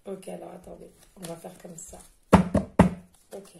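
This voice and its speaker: A woman's voice: on the low side, flat delivery, unhurried, vocal fry, echoey room, over loud music. A woman medium giving a casual, rambling oracle card reading, chatting and laughing with her listeners as friends.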